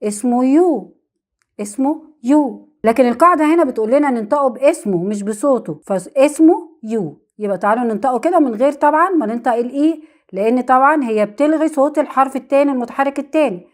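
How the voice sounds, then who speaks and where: A woman with an Egyptian Arabic accent teaching an English lesson on vowel rules, who repeats example words slowly and asks and answers her own questions. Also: high-pitched, animated.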